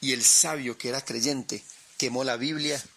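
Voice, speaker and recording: Slow, bright male storyteller. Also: mid-range voice. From Colombia. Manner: expressive, dramatic pauses. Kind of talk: oral storytelling on radio.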